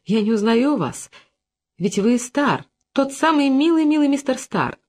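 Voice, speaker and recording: A playful young woman teases and coaxes in a raised, lilting voice, as an audiobook reader puts her on. Her pitch leaps about brightly, with mischief under every phrase. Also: animated, measured pace. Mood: teasing. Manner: teasing, coaxing. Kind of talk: audiobook character voice.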